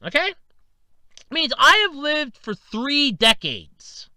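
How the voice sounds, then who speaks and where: A man in his thirties giving a casual opinion monologue, swinging between loud outbursts and low mutters. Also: very animated, slow pace, no echo. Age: 30s. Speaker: video commentator.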